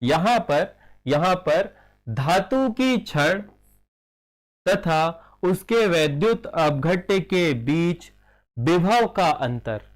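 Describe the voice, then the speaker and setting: Slow-paced man teaching chemistry. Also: high-pitched, expressive. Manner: repeats key terms, asks questions and answers them himself; mixes in English phrases. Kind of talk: classroom lecture.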